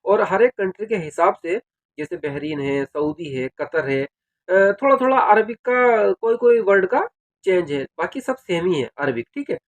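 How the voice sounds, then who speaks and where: A man with a noticeably high voice talks to his viewers in a relaxed, chatty way. He explains things step by step and keeps checking in with "theek hai". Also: normal speed. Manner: conversational, fillers like "theek hai" and "yaar", addresses viewers directly. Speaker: video creator giving advice on working in Saudi Arabia. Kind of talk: casual explainer.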